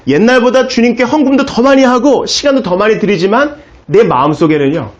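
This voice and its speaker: A man in his thirties, a pastor giving a sermon with lively rising and falling emphasis, dropping his voice low when quoting God. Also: brisk, highs cut off.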